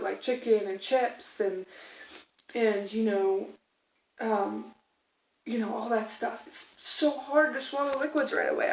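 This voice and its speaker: Female vlogger, higher-pitched voice, rambling casual storytelling, recorded in a very echoey room. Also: darkish tone. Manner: rambling, conversational, acts out quoted exchanges. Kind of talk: casual personal storytelling to camera.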